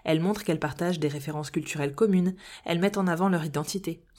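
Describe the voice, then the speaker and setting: Lower-pitched woman hosting a podcast. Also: rapid-fire, darkish tone. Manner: informative with wry, playful asides. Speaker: podcast host. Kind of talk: scripted podcast narration.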